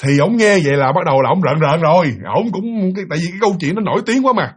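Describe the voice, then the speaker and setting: A man telling a ghost story in casual spoken style, animated and addressing his listeners directly. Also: high-pitched, very fast, husky.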